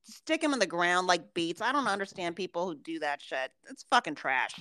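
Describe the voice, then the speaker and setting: A woman's voice: fairly low pitch, normal speed, noisy background. A woman co-hosting a podcast, blunt and profane in casual chat, telling stories with lots of swing. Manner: blunt, swearing, lively storytelling. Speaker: podcast co-host.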